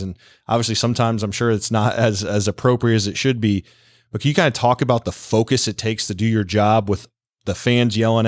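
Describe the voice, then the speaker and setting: A man's voice: lowish voice, dry recording. Chatty male podcast host, dry sound. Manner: chatty, rambling questions with restarts. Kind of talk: casual interview questions.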